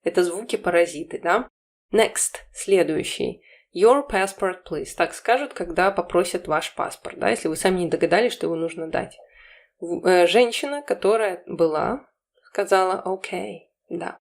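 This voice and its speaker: A woman with a slightly low voice hosts an informal language lesson. She explains as a teacher does, repeating phrases and translating them step by step. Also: normal speed, vocal fry. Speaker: English teacher, channel host.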